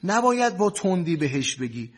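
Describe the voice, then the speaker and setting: A man with a fairly high voice plays a cleric counselor. He lectures a couple in a preachy, soothing tone and stacks his advice in repetitive lists. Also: big pitch swings, husky. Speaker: cleric marriage counselor in a sketch. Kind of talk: comic sketch, preachy advice.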